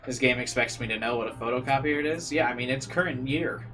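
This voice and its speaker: A man with a mid-range, slightly bright voice talks at a quick pace, faint music behind him. He's doing casual livestream commentary mixed with reading a visual novel aloud, rambling and sounding incredulous.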